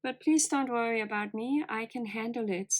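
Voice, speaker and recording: Speaking at normal speed, a woman delivers an oracle card reading to viewers in a calm, earnest and softly encouraging manner. Her voice is low and a touch hoarse, as if she's caught a cold.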